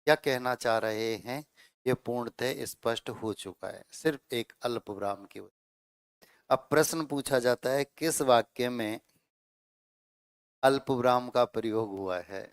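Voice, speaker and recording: Male teacher, middle-aged, patient classroom lecture, clear voice, dry sound. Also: mid-range voice, dry recording. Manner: explains slowly with repeated phrases and checks like 'theek hai'. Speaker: Hindi grammar teacher.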